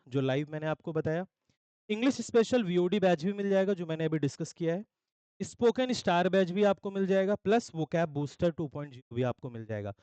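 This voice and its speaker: A young man from India, an English teacher with an Indian accent, promoting his course batches in an energetic sales pitch, often checking in with listeners. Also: dry recording, poor audio. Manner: mixes Hindi with English phrases. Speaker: English teacher for exam aspirants.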